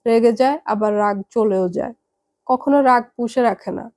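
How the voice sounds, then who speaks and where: A woman's voice: on the high side, moderate pace, lightly acted. Woman reading a patient young daughter. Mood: patient, reasoning. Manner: patient, gently reasoning. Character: calm, reasonable young adult daughter.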